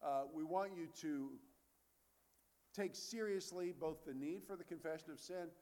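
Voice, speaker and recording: A man's voice: fairly high pitch, moderate pace, a little mellow. A man preaching a sermon as a pastor, earnest and conversational, asking rhetorical questions and answering them.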